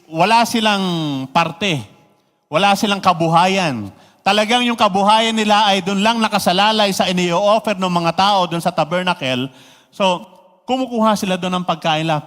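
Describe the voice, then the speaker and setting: A man preaching a sermon, lively, full of rhetorical questions and mixing in English phrases. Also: high-pitched, big-room sound. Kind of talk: radio sermon.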